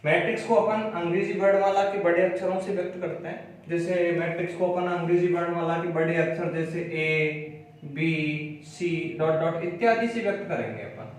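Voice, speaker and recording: High-voiced man teaching in an echoey room. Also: slight background noise. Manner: repeats key phrases slowly while writing on a board. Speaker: maths teacher. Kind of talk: classroom lecture. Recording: very echoey room, mic far off.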